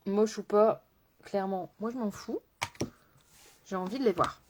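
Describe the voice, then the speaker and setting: A woman's voice: medium pitch, unhurried, noisy background. A woman makeup artist chatting casually on a live stream, laughing often and answering viewers by name as she works. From France.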